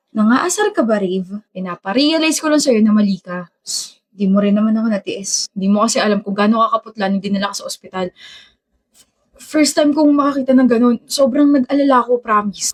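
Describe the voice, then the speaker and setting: A woman acting in a romantic comedy skit, trading teasing, playful banter. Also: on the high side.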